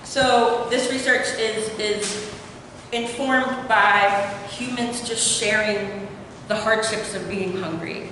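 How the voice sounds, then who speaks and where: A young woman with an Appalachian accent talks slowly in a medium-pitched voice, offering an informal research presentation as a doctoral student. Filler hesitations are frequent, and the distant mic records an echoey lecture hall with background noise.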